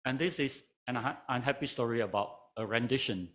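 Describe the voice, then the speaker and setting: A man from Malaysia, giving a measured conference talk as a panel speaker, told like a story with touches of dry humor. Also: medium pitch, fairly bright tone. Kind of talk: conference lecture.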